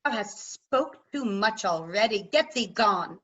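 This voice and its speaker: A woman's voice: mid-range voice, lively intonation, measured pace, fairly bright tone. A woman playing a proud, scornful warrior queen and wronged mother in declamatory, emphatic Shakespearean verse over a muffled video call. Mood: defiant. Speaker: actor in staged reading. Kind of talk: Shakespearean verse drama, theatrical delivery.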